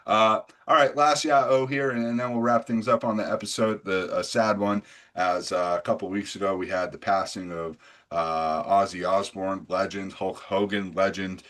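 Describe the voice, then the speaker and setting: Male podcast host, deep voice, blunt and salty, casual rambling sports talk. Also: steady tone, moderate pace, fairly bright tone. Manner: blunt, profane, rambling with restarts.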